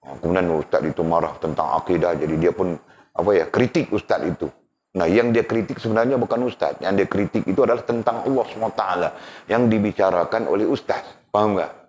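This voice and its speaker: A man with a very low voice teaches a religious class. He talks in a conversational way and keeps checking in with his students through rhetorical questions. The recording is muffled and lo-fi. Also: fast, darkish tone. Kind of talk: religious lesson. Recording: dull lo-fi recording.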